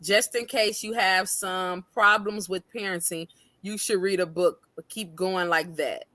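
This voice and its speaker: A woman's voice: medium pitch, fairly even intonation, measured pace, bright, forceful tone, no echo. A woman co-hosting a casual chat show, a mother who is playful and laughs often. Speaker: co-host.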